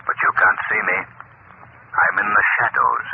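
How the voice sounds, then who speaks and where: An actor playing a calm, commanding avenger of justice in old-time radio drama, speaking deliberately and theatrically. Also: male voice, on the low side, lightly acted. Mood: taunting, stern. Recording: tinny, noisy old radio broadcast.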